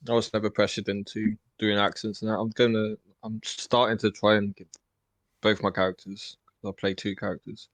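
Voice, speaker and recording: A man's voice: lowish voice, flat delivery, moderate pace, a bit bright, no room sound. A man chatting as a tabletop game player on a podcast, laid-back, with frequent fillers and laughs. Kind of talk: casual podcast chat.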